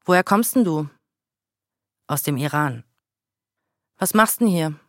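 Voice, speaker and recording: A man's voice: on the high side, lively intonation, slow, fairly bright tone, no room sound, clean studio sound, heavily acted. A man voicing an aggressive young male thug in a subway car, bullying and taunting in a read-aloud story.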